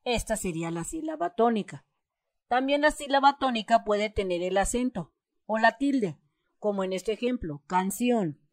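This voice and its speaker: With an animated, darkish, mid-range voice at normal speed, a woman with a Mexican Spanish accent explains a schoolbook exercise step by step. She patiently stresses syllables as she reads example words, and the recording has no room sound.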